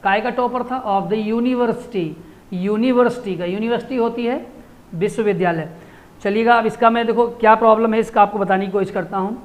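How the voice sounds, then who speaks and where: A male teacher giving an exam-prep grammar lesson, translating phrase by phrase and quizzing listeners with quick rhetorical questions. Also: high-pitched, fairly even intonation.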